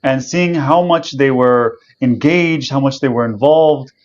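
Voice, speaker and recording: A man's voice: medium pitch, a little slow, muffled recording. A man from Canada, a political candidate, talking about his background in a thoughtful, conversational way. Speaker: election candidate being interviewed. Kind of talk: interview answers.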